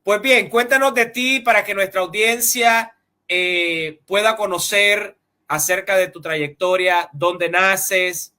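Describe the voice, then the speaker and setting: A male interview host with a high, bright voice who speaks slowly. He frames his questions in a measured, formal way. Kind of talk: interview hosting.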